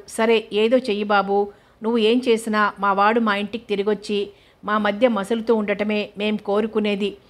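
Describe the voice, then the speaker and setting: A woman reading a story aloud at a middle pitch, her voice held flat and even. She keeps the same measured storytelling tone through narration and dialogue alike. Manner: steady, even storytelling voice that barely shifts for characters.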